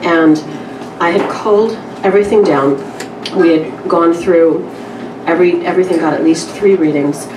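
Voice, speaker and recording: Picked up by a distant mic in an echoing room, a lowish-voiced publisher introduces and reads a story to a small crowd at a literary event. She talks at normal speed, candid and wry, with the easy informality of a reading among acquaintances. Background noise is clearly present.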